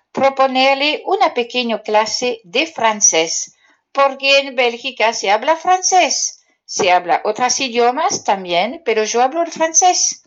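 Woman, French accent, slow pace, playful children's radio, muffled lo-fi sound. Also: a little high. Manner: gentle, playful, addresses listeners directly. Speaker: French teacher on community radio. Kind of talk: friendly radio talk to children. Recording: dull lo-fi radio audio.

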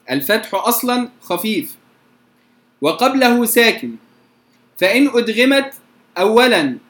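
A man's voice: high voice, a bit bright, reverberant. A man teaching recitation rules in a recorded lecture, with a lilt, patiently explaining and checking that students follow.

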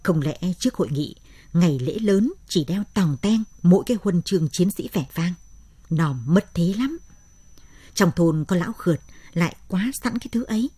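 Brief: measured woman narrator for a late-night story, low-pitched and breathy. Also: lively intonation, dark tone, dry recording.

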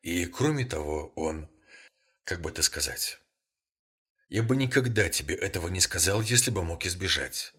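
Guy voicing a worn-out old grieving dad, husky and low, halting in a storybook reading. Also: animated, full character voice. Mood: grim. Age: older. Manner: hushed and halting, bursting out in alarm. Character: weary, frightened old man, grieving father.

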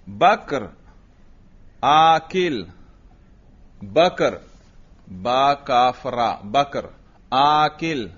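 A man's voice: medium pitch, fairly bright tone, highs cut off. A man teaching a grammar class, patiently questioning students and praising their answers.

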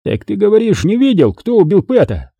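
A volatile, furious gang boss snarls and roars his threats, as a male narrator puts him on. The voice climbs well above the reader's own, husky and dark. It is a dry audiobook reading. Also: high-pitched, wildly swooping pitch, fairly quick, no room sound, highs cut off, pitched above the performer's own voice, full character voice. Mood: raging. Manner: snarling, yelling threats in bursts.

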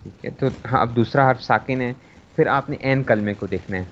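A man with a Pakistani accent teaching a grammar class over an online voice chat. He works through each rule slowly, asks his students questions and answers them himself. The sound is dull and lo-fi, with a faint hiss underneath. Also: mid-range voice, fairly bright tone. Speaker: religious teacher. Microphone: online voice-chat mic.

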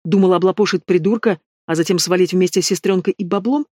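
A man's voice: fast, a little mellow, no room sound, clean studio sound. A man reading a menacing bandit boss. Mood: angry. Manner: mocking, low and threatening. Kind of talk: audiobook reading.

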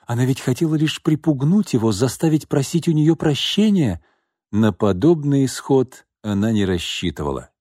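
A man narrating an audiobook novel with an expressive, animated reading. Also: medium pitch, dry recording, clean studio sound. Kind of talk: scripted narration.

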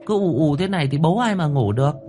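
A man's voice: fairly high pitch, expressive, fast talker, warm tone, soft background music, pitched above the performer's own voice, close to an everyday voice. A man voicing a young servant girl who mutters in irritation. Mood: irritated.

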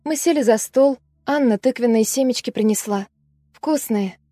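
A woman's voice: fairly high pitch, normal speed, warm tone, no echo, clean studio sound, lightly acted. A woman voicing a fragile, frightened young girl. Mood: dreamy recollection. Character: frightened young female student recalling a trauma.

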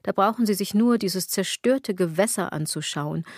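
With a natural, medium-pitched voice at moderate speed, an actress voices a sardonic, aging woman reflecting on fashion and consumerism in a literary radio play. The ironic, declamatory performance is laced with wordplay, and the studio sound is clean with no echo.

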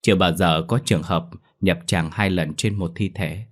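A man's voice: low voice, fairly even intonation, normal speed. A man voicing a stern young male exorcist who talks in a brusque, commanding way, in a spoken ghost story. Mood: instructing.

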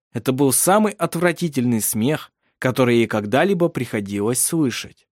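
A man's voice: mid-range voice, dry recording, studio quality. Man narrating an audiobook.

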